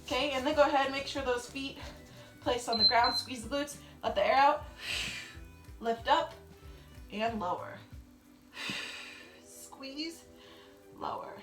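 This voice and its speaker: A woman's voice: high voice, unhurried, pauses often, echoey room, over music. A young woman working as an aerobics instructor, cueing a home workout in an encouraging way as she exercises. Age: young adult. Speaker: fitness instructor, channel host. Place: home living room. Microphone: camera on the floor a few feet away.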